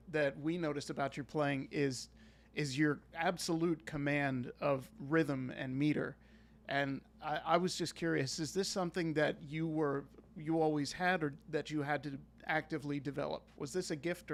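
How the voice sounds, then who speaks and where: A man's voice: on the high side, fairly even intonation, normal speed, gravelly. A man interviewing a guest at a live event, enthusiastic and often repeating words as he goes.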